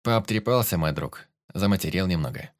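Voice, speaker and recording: A man narrates a story in first person with a calm, matter-of-fact delivery. His voice sits somewhat low. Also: normal speed.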